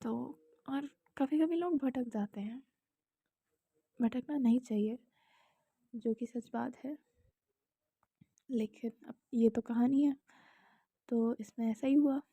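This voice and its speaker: A young woman with an Indian accent calmly narrates a romantic story, sometimes whispering and making casual asides to the listener. Her voice is a little high and slightly rough, and she speaks slowly with frequent pauses. The home recording is slightly dull and dry, with no room sound.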